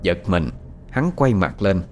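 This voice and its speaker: A man narrating a ghost story as storyteller, dramatic and expressive. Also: deep voice, slow, soft background music.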